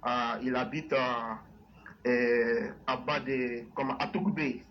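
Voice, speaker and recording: Ivorian man, halting English-tinged French accent, lo-fi. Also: medium pitch, fairly even intonation. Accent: Ivorian French with an English-sounding tinge. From Man, western Côte d'Ivoire. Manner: halting, repeats phrases. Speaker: caller to a live show. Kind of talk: personal testimony in halting, informal French. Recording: dull lo-fi call, faint noise.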